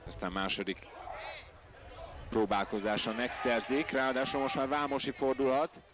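Male football commentator, medium pitch, excitable live delivery, noisy outdoor match broadcast. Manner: excitable, voice leaps on big moments.

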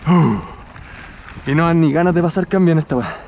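A man's voice: fairly high pitch, fairly quick, vocal fry, roomy sound, slight background noise. A man in his thirties with a Chilean Spanish accent, casually vlogging about his mountain bike and riding it on trail and at home. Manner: excited exclamations while riding, relaxed explaining at home. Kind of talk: casual vlog, riding commentary then bike review. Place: trail ride outdoors, then indoor room with bike stand.

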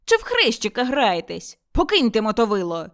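A gruff, hungry and angry old peasant father from an audiobook, as a woman narrator voices him. He shouts commands in a lively voice. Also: fairly high pitch, normal speed, heavily acted. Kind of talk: audiobook character voice.

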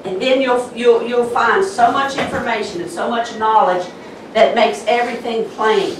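Southern woman pastor, slow emphatic preaching, bright high voice, roomy church sound off-mic. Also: noisy background. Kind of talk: sermon. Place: church sanctuary. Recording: echoey church hall, mic from a distance.

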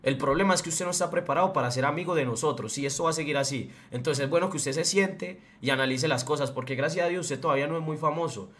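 A young Colombian streamer with an Antioquia accent unleashes a heated, blunt and profane livestream rant. His voice is fairly high and fairly bright, and he talks fast with few pauses.

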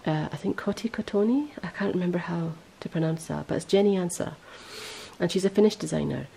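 A woman hosting a podcast in casual chat, rambling and correcting herself as she goes, her voice a little hoarse. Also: lowish voice, a little fast, warm tone, a little hiss or hum, poor audio. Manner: chatty, rambling, self-correcting. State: voice going hoarse. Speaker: podcast host.

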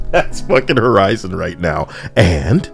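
A low-pitched man with a creaky, vocal-fry voice hosts a gaming video, offering casual opinion commentary over game footage. His takes are blunt, sarcastic, and a bit edgy.

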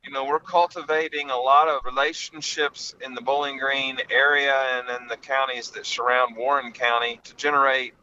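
A man's voice: medium pitch, little pitch movement, moderate pace, few pauses, pushed and bright, a little hiss or hum. A middle-aged man, a podcast host calling in from the road and telling stories in a folksy, rambling way. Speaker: podcast host and law firm managing partner. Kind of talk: casual podcast chat. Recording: muffled call-in line.

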